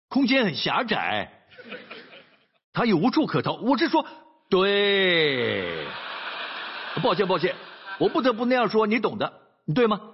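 A male pastor delivers a sermon in an animated storytelling style, with frequent rhetorical asides to his listeners. His voice is high, husky and very lively in pitch. The sound is dull and lo-fi, like a radio broadcast.

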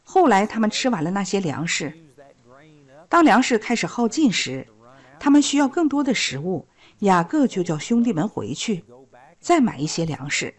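A woman's voice: medium pitch, sing-song, moderate pace, slightly rough. A woman teaching a Bible story, retelling the scripture in plain storytelling.

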